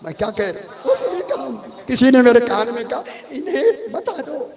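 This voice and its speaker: Brief: male religious scholar, high pitch, chatty storytelling delivery, long hall echo. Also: big pitch swings, a little fast, gravelly, crowd noise. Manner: conversational storytelling, addresses the audience directly. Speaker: religious scholar giving a majlis sermon. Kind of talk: Urdu majlis sermon with anecdotes.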